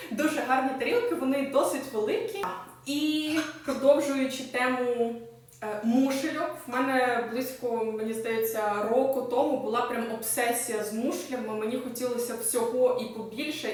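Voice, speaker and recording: A woman's voice: fairly high pitch, moderate pace. A woman vlogger chatting enthusiastically as she shows things off, with many filler sounds along the way. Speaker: lifestyle vlogger. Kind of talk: casual show-and-tell chat. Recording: echoey room, mic at a distance.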